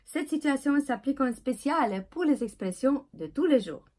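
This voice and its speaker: A woman's voice: high voice, animated, moderate pace, a little mellow. A woman teacher giving a casual video lesson, hesitant with fillers and checking in with "ok?" after nearly every phrase. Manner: hesitant, with many filler sounds. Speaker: English teacher.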